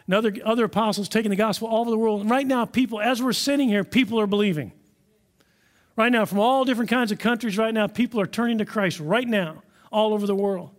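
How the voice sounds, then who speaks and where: A man preaching a sermon in a conversational, animated storytelling manner. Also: high voice, fast talker. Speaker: pastor.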